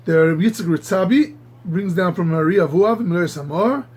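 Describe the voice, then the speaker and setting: Talmud teacher, man, high husky voice, halting and repeating words as he teaches. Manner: halting, repeats words while reaching for the next; animated, marvels aloud at the text. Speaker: Torah teacher. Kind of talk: Talmud class lecture.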